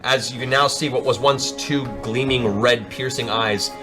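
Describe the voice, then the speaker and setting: His medium-pitched voice keeps a fairly even intonation at normal speed as he narrates a tabletop fantasy game as game master. He tells the story dramatically and descriptively while music plays underneath.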